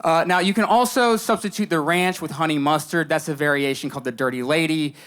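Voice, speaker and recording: A young man performing a deadpan stand-up monologue for a live audience, telling stories with dry, mock-earnest understatement. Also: on the high side, fairly quick. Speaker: stand-up comedian. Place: live comedy show before an audience. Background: audience laughter between lines.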